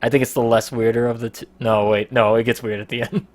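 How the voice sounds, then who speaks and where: A man's voice: medium pitch, little pitch movement, quick pace, no echo. A man hosting a casual podcast, rambling through a story with a lot of swearing and frequent laughter. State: out of breath. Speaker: podcast host.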